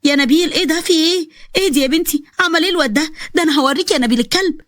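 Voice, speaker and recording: A woman's voice: high-pitched, rapid-fire, a bit bright, dry recording, clean studio sound, voice pushed up. A woman voicing a kindly, fussy middle-aged mother with an Egyptian accent, fretting and coaxing. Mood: fretful. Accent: Egyptian Arabic. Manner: fretful, coaxing.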